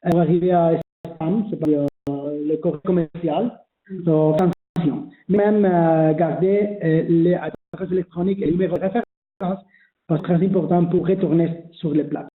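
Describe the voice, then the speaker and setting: A man speaks at normal speed in a slightly high voice with a steady tone, walking webinar viewers through online registration. Not a native French speaker, he hesitates with plenty of fillers and restarts over echoey, phone-like audio.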